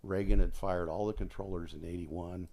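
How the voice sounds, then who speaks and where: A retired American air traffic controller in his sixties tells stories casually as a podcast guest, repeating phrases for emphasis. His voice is low-pitched, gravelly and dark, with a steady tone and moderate pace.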